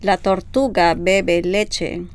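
Taking it slowly, a Spanish teacher from Peru answers in German during a relaxed interview, her Peruvian Spanish accent clear as she often hunts for words. Her voice sits on the low side, steady, clear, and resonant.

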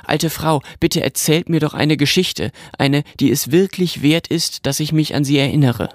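A man's voice: a little high, moderate pace, no room sound, studio quality, close to an everyday voice. A man reading aloud, voicing an impatient, curious little girl who talks in an eager, pleading way.

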